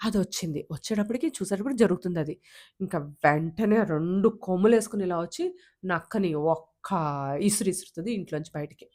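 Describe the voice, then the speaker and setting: A woman storyteller with an animated, conversational delivery, narrating a folk tale for children. She rises and falls expressively with the action, then settles into earnest advice for parents. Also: on the low side, fairly quick. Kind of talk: storytelling with moral talk.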